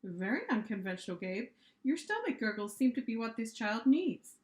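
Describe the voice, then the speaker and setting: Storybook casting: woman as a strict, formal monster schoolmaster, male, issuing brisk instructions in an echoey room. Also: on the high side, very animated.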